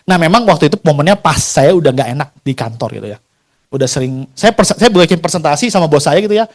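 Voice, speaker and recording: A man in his forties tells his career story in a chatty, slangy motivational talk, his voice fairly high, animated and fast. He acts out the dialogue he recounts and laughs often.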